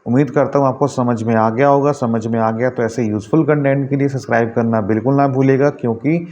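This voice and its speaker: A man teaching a vocabulary lesson, slowly dictating example sentences. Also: medium pitch, fairly even intonation, darkish tone, dull audio. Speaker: English teacher.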